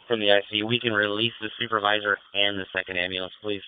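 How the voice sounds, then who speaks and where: An American man serving as fire incident commander on a fireground issues courteous, procedural orders over a two-way radio in clipped police-radio style. His voice is fairly low, flat and fast yet smooth, with phone-quality radio-transmission sound and no echo.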